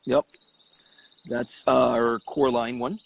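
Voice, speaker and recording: A man's voice: mid-range voice, level tone, slow pace, vocal fry. A man from Cuba, a cigar company president, talking as an interview guest in a confident, persuasive way.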